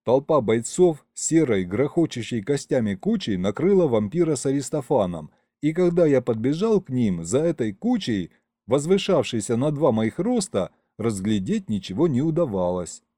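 Male narrator, storytelling, mellow and expressive. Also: medium pitch, moderate pace, no room sound, studio quality. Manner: lively storytelling, first person. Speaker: audiobook narrator. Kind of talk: scripted narration.

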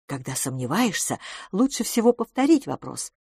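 A woman reading an audiobook as narrator, with measured, even storytelling. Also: on the low side, creaky, breathy edge, no room sound, studio quality. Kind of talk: scripted narration.

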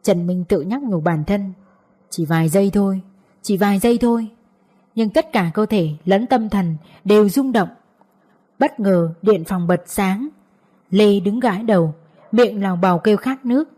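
A woman's voice: medium pitch, unhurried, warm tone, slightly rough. A woman narrating a scripted story as an audiobook reader.

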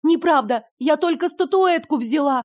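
A woman reading an audiobook, voicing a frightened young heroine who pleads and cries out in a high voice. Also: normal speed, darkish tone, dry recording, studio quality, close to an everyday voice. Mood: bewildered.

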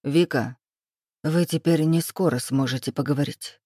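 A woman voicing a stern young man who speaks in short, clipped, low phrases. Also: moderate pace, dark tone, slightly rough, no echo, clean studio sound.

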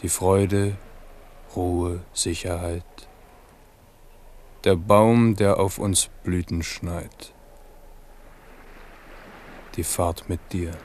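A man's voice: deep voice, steady tone, extremely slow, pauses often, darkish tone, a little hiss or hum. An actor playing a weary, loving, philosophical king in a German radio drama, with solemn, lyrical delivery. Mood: weary, tender musing. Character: King Henri, weary, musing, loving monarch.

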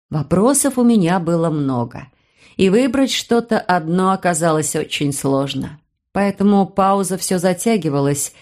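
Audiobook narrator, woman, slightly low voice, steady first-person storytelling.

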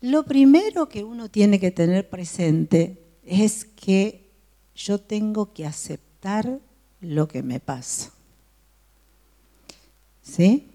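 A woman's voice: mid-range voice, expressive, takes it slowly, pauses often, mellow. A woman teaching a Bible study to a group, often asking her listeners questions. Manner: asks the listeners frequent questions.

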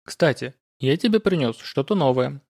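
Narrator voicing a calm, gently teasing scholar friend; unhurried, near his own voice. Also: mid-range voice, gravelly, husky. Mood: warm. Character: calm, teasing older male scholar comrade.

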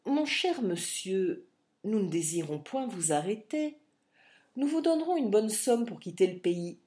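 A woman voicing a timid male lawyer who cries out anxiously and then pleads to calm a threat, in an audiobook reading. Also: mid-range voice, measured pace. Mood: placating.

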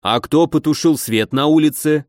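A man reading an audiobook, voicing a short, plump, shifty town guard commander who talks in a gruff commanding tone. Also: on the high side, moderate pace, darkish tone, dry recording, studio quality, natural voice. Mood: commanding, sly.

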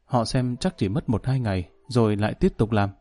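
A man voicing a kind young woman who speaks softly and soothingly to an older man. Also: lowish voice, fairly quick, soft background music, natural voice.

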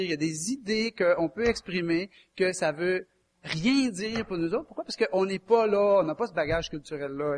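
A man from Quebec, whose voice sits high with a touch of brightness, gives a sermon in a Québécois French accent. It's chatty and folksy, and he tests his listeners with questions.

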